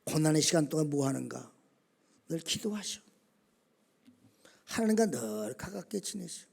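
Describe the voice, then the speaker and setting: A male pastor preaching a sermon, swinging from quiet talk to shouted calls and often asking the congregation questions. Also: fairly high pitch, lively intonation, normal speed, vocal fry, slightly rough. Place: church sanctuary.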